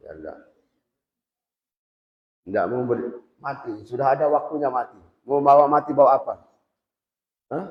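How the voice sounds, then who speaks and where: Speaking in a mid-range, darkish voice, a man leads a conversational religious lesson in a boarding school prayer hall, questioning students directly. The sound is echoey and dull, with a lo-fi quality.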